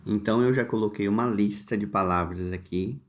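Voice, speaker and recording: A man with a Brazilian Portuguese accent teaching a recorded lesson, explaining exercises slowly and step by step, directly addressing his students. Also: lowish voice. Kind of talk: recorded lesson walking through workbook exercises.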